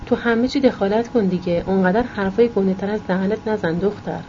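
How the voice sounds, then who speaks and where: A woman voicing a stern, harried mother who scolds her children in a hushed voice. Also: medium pitch, muffled recording, slight background noise, natural voice. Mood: scolding.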